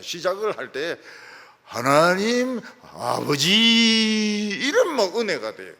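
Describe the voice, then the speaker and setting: Male pastor, sermon delivery, higher-set gravelly voice, swings from loud emphasis to soft trailing ends, long reverb from the church hall. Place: church sanctuary.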